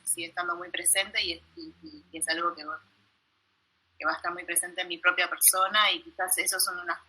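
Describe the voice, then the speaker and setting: Husky, bright-toned Buenos Aires woman. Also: on the low side, poor audio. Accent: Buenos Aires Spanish. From Buenos Aires, Argentina. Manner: casual, self-deprecating, halting with many restarts. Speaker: documentary filmmaker presenting her work. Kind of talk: informal online talk. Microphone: video call.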